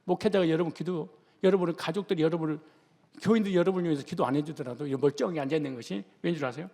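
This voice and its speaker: Gravelly pastor preaching in a reverberant hall. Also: male voice, on the high side, rapid-fire, mellow. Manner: emphatic, asks the congregation rhetorical questions; drops into blunt casual speech. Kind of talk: sermon. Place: church sanctuary. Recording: long church hall reverb.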